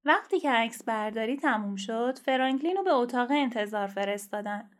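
A woman reads a children's storybook aloud with steady, gentle storytelling. Her voice is high and bright, and her delivery is clear.

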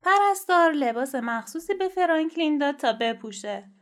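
A woman reads a children's storybook aloud with steady, gentle storytelling. Her voice is high and bright, and her delivery is clear.

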